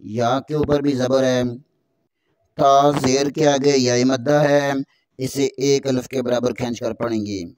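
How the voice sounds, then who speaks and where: A man teaches Quran recitation, breaking each verse into its letters before chanting it in a slow, drawn-out way. His voice is smooth and clear, held at a flat, steady pitch. The recording is dry and close. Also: dry recording. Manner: slow drawn-out recitation between brisk explanations.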